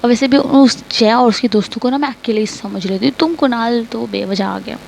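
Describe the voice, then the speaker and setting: A woman's voice: a little high, a little fast, creaky, a little mellow, a little hiss or hum. A woman voicing a bubbly, playful young woman who teases and talks nonstop, in a storybook reading. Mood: teasing. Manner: chatty, playful, teasing. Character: bubbly teasing young woman, recovering hospital patient.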